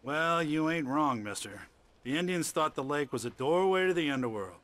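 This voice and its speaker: A man's voice: fairly high pitch, expressive, normal speed, a bit bright. A man voicing a folksy, God-fearing trailer park manager in a video game. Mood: uneasy. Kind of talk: video game dialogue acting.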